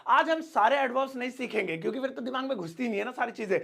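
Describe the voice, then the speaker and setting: A young man teaches English grammar, playful and full of little jokes. His voice sits high for a man and carries a gravelly, rough texture. He slows right down to stretch out each example word for the listener. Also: animated, sharp tone. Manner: joking, playful, drawn-out example words. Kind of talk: casual video lesson.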